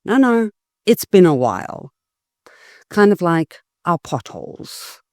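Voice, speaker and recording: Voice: medium pitch, very animated, slow pace, no room sound, clean studio sound. A political YouTuber, giving emphatic, scathing commentary and leaning hard on key words. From South Africa. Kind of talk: opinionated political commentary vlog.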